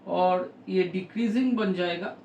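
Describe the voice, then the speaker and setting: A man teaching a math lesson, explaining slowly and step by step with frequent pauses. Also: high voice, a little mellow, reverberant, recorded from a distance, lo-fi sound, slight background noise.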